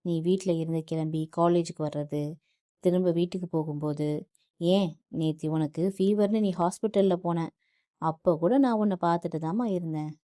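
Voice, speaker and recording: A soft-spoken father calms his crying daughter with patient, tender words. A woman reads him in a mellow, dry audiobook voice. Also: fairly low pitch, normal speed, no echo, close to an everyday voice. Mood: gentle reassuring. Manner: calm, reassuring. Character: middle-aged man, gentle soothing father.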